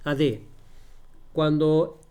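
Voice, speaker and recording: A man teaching a grammar lesson one on one over a call, speaking slowly and patiently, repeating his examples and checking that his listener understands. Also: fairly high pitch, warm tone, clean tone.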